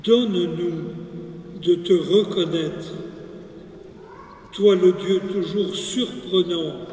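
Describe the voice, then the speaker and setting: A man who is a parish priest, slowly leading prayers and reading the Gospel in a solemn, measured way. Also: sits high, darkish tone, recorded from a distance. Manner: slow, solemn, measured delivery. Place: large church. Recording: echoey church recorded from afar, faint noise.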